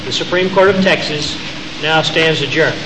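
In an echoey hall with loud background noise, a man calls out a formal court proclamation. He sounds like a town crier, in a somewhat high voice, ceremonial and projected. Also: normal speed. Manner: calling out loudly like a town crier. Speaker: court marshal adjourning a court session. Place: large hall at a public court session.

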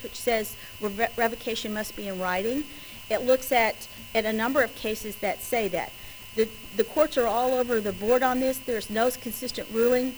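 Woman, West Texas twang, lawyer's courtroom argument, emphatic deliberate phrasing, faint background noise. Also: a little high, poor audio. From West Texas, United States. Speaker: lawyer arguing before a judge.

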